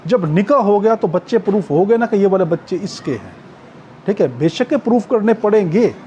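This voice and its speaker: A man with a Pakistani accent gives an exam-prep law lecture, explaining step by step, repeating points and checking in often. He slows into English to read out clauses, then glosses them. His voice is high-pitched and dark-toned with lively intonation, over a faint hiss or hum.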